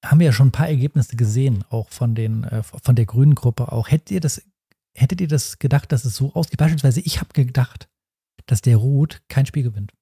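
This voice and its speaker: A man's voice: medium pitch, brisk, dark tone, breathy edge, no echo, studio quality. A man co-hosting a casual podcast chat, giving opinions and thinking aloud with many fillers. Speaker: podcast co-host.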